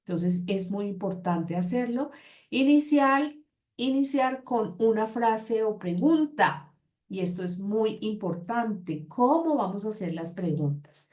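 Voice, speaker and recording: A woman's voice: mid-range voice, lively intonation, slow pace, a little mellow. Woman teaching a counseling class, chatty, acts out little dialogues as she talks. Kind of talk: classroom lecture.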